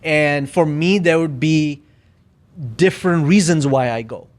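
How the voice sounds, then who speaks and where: A man's voice: fairly high pitch, measured pace. A man talking as a podcast guest in casual conversation, reflective and searching for his words with frequent fillers.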